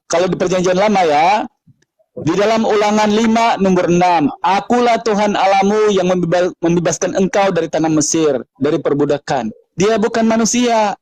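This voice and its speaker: Indonesian preacher guy arguing hard, highish voice, keeps repeating his question. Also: normal speed, darkish tone, low-quality recording. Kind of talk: heated debate.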